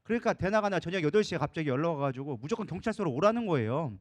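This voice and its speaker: A male pastor preaching in a church service, recounting a story with animated energy. His voice sits high for a man and swings widely in pitch. He talks quickly and acts out each exchange. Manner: animated, acts out quoted dialogue. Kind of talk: storytelling sermon.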